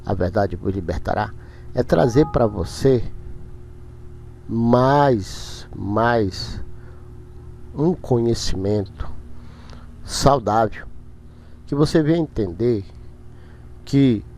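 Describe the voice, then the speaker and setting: A man hosting his own religious channel, delivering a preachy monologue to his viewers in a halting way, repeating words and breaking into emphatic bursts. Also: mid-range voice, animated, vocal fry, darkish tone, slight background noise.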